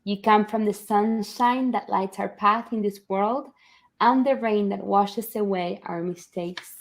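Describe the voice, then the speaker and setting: A woman reading as a tender old grandfather. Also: medium pitch. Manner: slow, tender storybook reading. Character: wise loving old grandfather.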